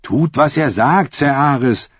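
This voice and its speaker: A man's voice: fairly high pitch, a little slow, slightly rough, dry recording, voice pushed up. A man voicing a wary, pragmatic male knight who urges caution. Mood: urging. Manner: urging, persuasive. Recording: slightly dull lo-fi recording.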